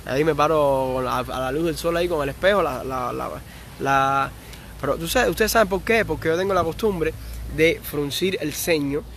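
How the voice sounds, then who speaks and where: A man's voice: on the high side, normal speed, a bit bright, a little hiss or hum. A young man with a Cuban Spanish accent, chatting casually on a live stream, reading viewer comments aloud and answering them. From Cuba.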